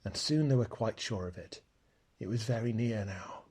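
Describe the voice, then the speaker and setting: Husky man reading a storybook aloud. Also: on the low side. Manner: slow, expressive, soft-spoken. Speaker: narrator.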